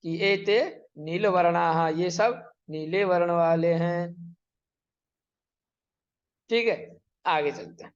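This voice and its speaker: A man's voice: a little high, highs cut off. A male teacher giving an online Sanskrit lesson, reading words out and explaining each one with repetition. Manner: slow, drawn-out dictation of words with quick explanations; instructive, repeats and translates each phrase. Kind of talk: online exam-prep lesson.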